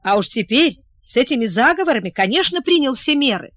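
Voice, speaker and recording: A woman's voice: high-pitched, sing-song, brisk, fairly bright tone, no echo, exaggerated voice. A woman reading the part of an anxious, tearful young princess who pleads and asks breathless questions.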